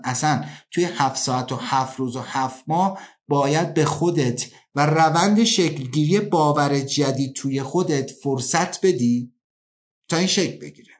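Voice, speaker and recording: Man, self-help speaker, fairly high-pitched, earnest, slows for emphasis, acts out quick everyday scenes. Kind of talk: motivational talk.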